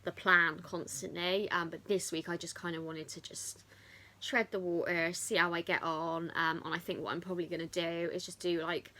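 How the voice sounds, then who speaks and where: A woman's voice: fairly low pitch, flat delivery, moderate pace, few pauses, bright, forceful tone. A woman chatting casually as a fitness vlogger, rambling off on tangents. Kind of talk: casual chat to camera.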